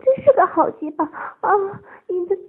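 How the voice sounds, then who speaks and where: A woman's voice: animated, husky, full character voice. A woman doing a breathless bank manager in her forties. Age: 40s. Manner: breathless high-pitched crying out, fast bursts. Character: female bank manager in her forties, shy turned eager. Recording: tinny phone-like lo-fi audio.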